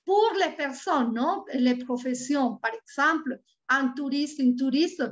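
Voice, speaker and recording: A woman with a Colombian Spanish accent teaches French over a video call, her voice bright and high. She patiently spells out each word twice, and the call audio comes through dull and lo-fi. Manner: patient, repeats words slowly and clearly. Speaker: French tutor. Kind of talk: online language lesson.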